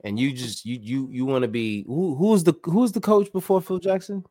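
A man co-hosting a casual basketball podcast, animated and slangy, laughing often. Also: medium pitch, moderate pace, soft background music. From New York area. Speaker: podcast co-host. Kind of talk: casual sports chat.

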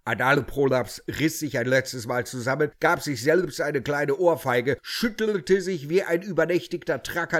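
A male narrator reading a comic audio story. His delivery stays dry and deadpan, at an ordinary, middle pitch.

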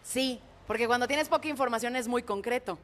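Expressive Mexican woman with a high voice. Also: fairly quick. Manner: expressive, imitates heartbeats and screams; colloquial, frank. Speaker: public speaker and announcer. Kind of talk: animated storytelling in conversation.

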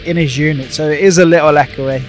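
A man's voice: on the high side, steady tone, fast, soft background music. A British man hosting a podcast, chatting casually and with enthusiasm. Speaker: podcast host. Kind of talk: casual chat.

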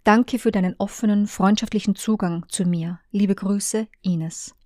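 A woman reading the messages of a conflicted woman, in a hushed, partly whispered delivery. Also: mid-range voice, fairly even intonation, unhurried, no echo, studio quality, lightly acted. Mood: tense. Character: Ines, a torn woman, former lover.

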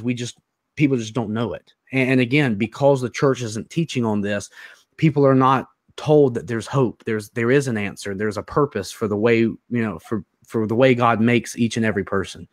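A man in an interview telling his own story, earnest and halting, often repeating words as he searches for them. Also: mid-range voice, no room sound, clean studio sound. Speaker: interview guest. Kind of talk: personal testimony in an interview.

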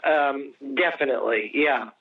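A man's voice: medium pitch, a little slow. A male author, interviewed over the phone from home, speaking with enthusiasm but hesitating with many ums. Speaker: author guest. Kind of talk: casual interview chat. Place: home in Los Angeles. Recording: distant tinny phone line.

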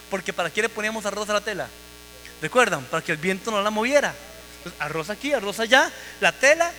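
A man's voice: high-pitched, pushed and bright. A man preaching a sermon, telling his testimony vividly and with emphasis. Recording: long hall reverb with faint mains hum.

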